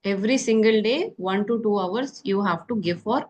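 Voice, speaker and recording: Over a call, a South Indian woman from Karnataka practices phone conversation with a beginner English learner. She speaks at medium pitch and a moderate pace, patiently repeating key points with frequent "okay?" checks, and the recording's highs are cut off.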